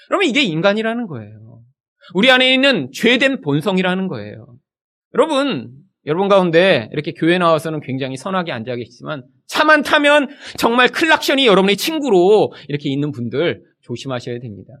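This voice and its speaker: A middle-aged male pastor preaching in church with a high, lively voice. His pitch swings widely as he acts out the people in his stories. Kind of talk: sermon.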